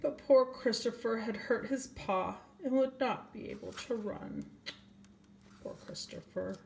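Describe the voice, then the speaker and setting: A little high, gravelly, and a little mellow, this older woman's voice comes with a bit of hiss or hum. She is a grandmother reading a storybook aloud, talking slowly to young children and quizzing them.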